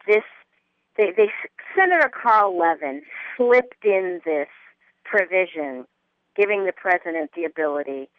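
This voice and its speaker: A woman's voice: lowish voice, no echo. A woman guest on a political talk radio show, speaking earnestly and growing indignant. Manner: earnest, rising to indignant emphasis. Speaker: guest commentator. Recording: muffled phone-line audio.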